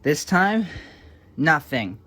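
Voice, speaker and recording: Very slow, on the high side and sharp in tone, with big pitch swings, this man narrates his restoration work informally. As a hobbyist presenting a repair, he thinks out loud a little hesitantly.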